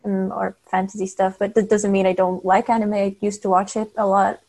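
Here a twenty-something woman from Bulgaria, Bulgarian by native tongue, chats in English as a cosplayer guest in a casual interview, adding light laughs. Her mellow, medium-pitched voice moves briskly with a flat delivery.

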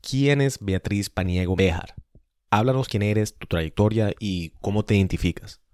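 A man's voice: fairly low pitch, moderate pace, darkish tone, smooth, no echo, studio quality. A man from Venezuela hosting a community radio show and introducing his guest in a formal announcer's delivery. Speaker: radio host.

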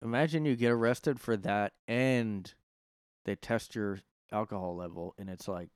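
A man hosting a solo podcast from his room, talking in a rambling, profane way with sudden loud outbursts. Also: fairly low pitch, moderate pace, clear, resonant tone, no echo, studio quality. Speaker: podcast host. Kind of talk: casual solo monologue.

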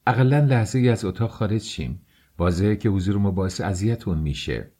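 A man voicing a young woman, a sister who is firm but gentle, in an audiobook. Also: lowish voice, lightly acted. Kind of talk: audiobook character voice.

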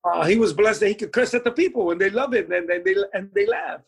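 Guy with a high raspy gravelly voice rambling thru old band stories, lots of "you know". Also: quick pace. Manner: rambling, full of "you know" fillers and restarts. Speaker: musician recalling band days. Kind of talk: anecdotal storytelling interview.

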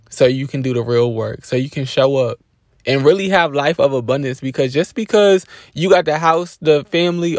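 A man hosting a podcast, giving a casual faith-based motivational talk with a relaxed, preachy delivery and frequent restarts. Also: medium pitch, dry recording, clean studio sound. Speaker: podcast host.

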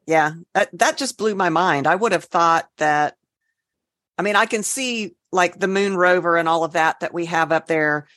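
A woman's voice: on the low side, moderate pace, a bit bright, no room sound, clean studio sound. A woman co-hosting a podcast, chatting and giving practical advice in a conversational way. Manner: conversational, steering the topic with trivia and advice. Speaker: podcast co-host. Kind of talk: casual chat.

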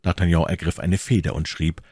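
A man narrating a classic novel as an audiobook in a measured, even manner. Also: low-pitched, slightly rough, no echo, clean studio sound.

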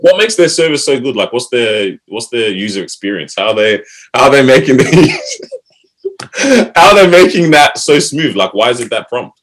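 A husky-voiced young man with lively, swinging pitch. He chats casually in heavy roadman-style street slang. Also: moderate pace. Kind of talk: casual chat.

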